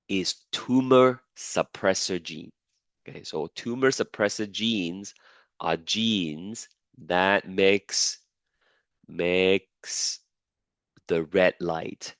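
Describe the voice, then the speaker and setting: A low-pitched man gives a classroom biology lecture despite being ill and losing his voice. He repeats key points and checks in with his students, and the recording has no echo.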